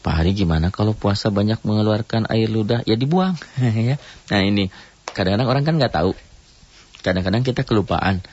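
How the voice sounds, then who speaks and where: A man teaching Quran recitation rules on a radio program, explaining each rule in short phrases and now and then chanting a verse slowly at a higher pitch. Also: animated, darkish tone, no room sound, dull audio. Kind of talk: radio tajwid lesson.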